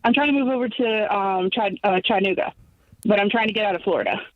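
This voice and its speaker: A woman's voice: medium pitch, dry recording. Young woman on a clipped phone line. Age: 20s. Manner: hesitant, halting with many restarts. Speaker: caller. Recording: tinny phone line breaking up.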